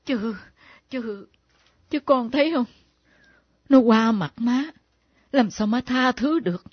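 A woman's voice: fairly high pitch, takes it slowly, slightly rough, no room sound. An actress voicing the ghost of a betrayed mother who scolds and exclaims in a radio drama. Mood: indignant. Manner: exclaiming, scolding, at times whispered asides. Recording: dull lo-fi old radio recording.

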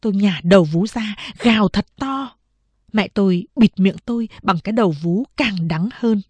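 A woman calmly narrating a novel as an audiobook reader, in a steady storytelling manner. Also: mid-range voice, normal speed, breathy edge, no echo.

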